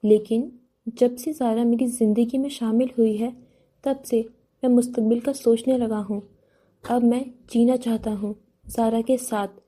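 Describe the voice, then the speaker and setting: A calm young man speaks softly and evenly about his feelings, voiced by a woman reading an audiobook. The tone is dark and mellow, sitting a little high. The story is a romance novel read aloud. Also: close to an everyday voice. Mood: calm tender. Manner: calm, soft-spoken lines.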